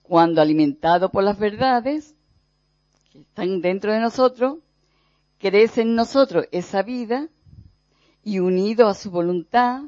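A preacher from gives a reflective spiritual teaching, speaking thoughtfully with pauses and soft repetitions. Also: medium pitch, no room sound. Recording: dull, dry lo-fi recording.

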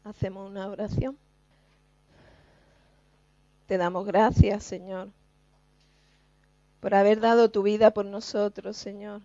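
A woman's voice: medium pitch, flat delivery, dark tone, no echo, dull audio. A woman preacher giving an earnest, emphatic sermon to her congregation. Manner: earnest, slow and emphatic, addresses the congregation directly.

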